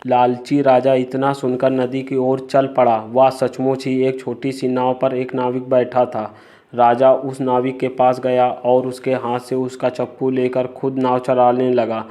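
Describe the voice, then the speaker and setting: Man narrating a story in a flat monotone. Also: medium pitch, measured pace. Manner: flat, even reading.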